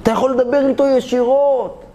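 A man, a rabbi, preaching a sermon through an animated, theatrical story, speaking directly to his listeners. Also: very high-pitched, a little hiss or hum.

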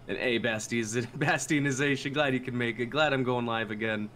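A man from Minnesota streaming a game, chatting in a relaxed, rambling way with um and uh fillers. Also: medium pitch, normal speed, slight background noise. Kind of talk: casual live-stream chat.

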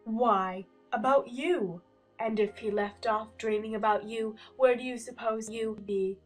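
A woman's voice: fairly high pitch, a little slow, faint music behind. A woman playing a mad, teasing talking cat who speaks in matter-of-fact riddles in a dramatized audiobook.

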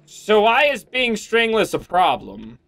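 A young male let's play host with a voice sitting a little higher than most men's. He rambles through his gameplay commentary in a goofy, jokey way, talking to himself and breaking out in sudden exclamations. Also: huge pitch swings, a little slow, gravelly, a bit bright.

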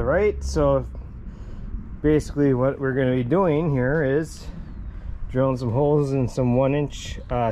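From his garage workshop and driveway, a DIY channel host in his fifties talks through a casual vlog, rambling, chatty and prone to saying "guys." His voice sits in the mid-range, and a little hiss or hum is audible.

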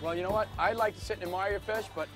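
A man's voice: high-pitched, steady tone, racing, a bit bright, soft background music. A man hosting a fishing show from an open boat at sea, explaining technique in an upbeat way. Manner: upbeat, instructive. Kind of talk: outdoor fishing show banter.

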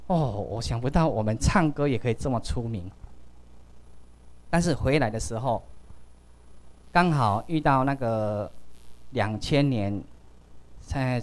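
A man with a Taiwanese accent telling a story at a seminar, acting out quoted dialogue in lively voices and switching into Taiwanese Hokkien. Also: medium pitch. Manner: animated, acts out quoted dialogue. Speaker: speaker at a seminar. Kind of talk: storytelling talk.

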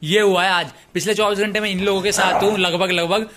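A man's voice: sits high, fairly even intonation, a little fast, bright, forceful tone. A man talking casually as a pet vlogger, chatting straight to his viewers. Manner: chatty, addressing viewers directly. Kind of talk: casual vlog chat.

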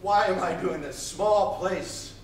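An intense man in his thirties preaches a sermon, pacing and raising his voice. His voice sits fairly high for a man. The sound comes from far off across a roomy church hall, with a faint hiss behind it. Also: takes it slowly. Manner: intense and loud, pacing the stage. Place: small church hall, indoors. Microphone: far camera, room mic.

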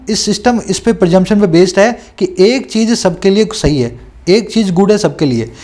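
A man coaching students through an exam paper, reading English questions out slowly and explaining them, often checking that they follow. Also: high-pitched, darkish tone. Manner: reads English questions aloud slowly, then explains in Hindi.

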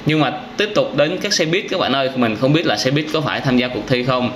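A young man with a southern Vietnamese accent hosts a gaming video, reacting casually and exclamatorily while talking straight to young viewers. His medium-pitched voice is animated, fairly bright, and a little fast, full of wows and direct addresses as he tells the story. Game vehicle sounds and sirens make the recording clearly noisy.

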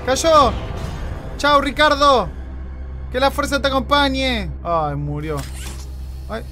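A young-sounding Argentine man with a high voice, cracking jokes through his let's play commentary and breaking into panicked yelps and screams. Clear music plays behind him throughout. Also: lively intonation, slow, sharp tone. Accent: Argentine Spanish. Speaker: gaming YouTuber. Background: background music.

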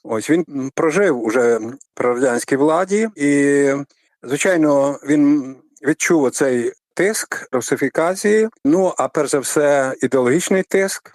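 An older man, a literary scholar, explaining at length in a radio interview with a measured, lecturing manner and frequent hesitations. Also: medium pitch, darkish tone, no room sound. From Ukraine.

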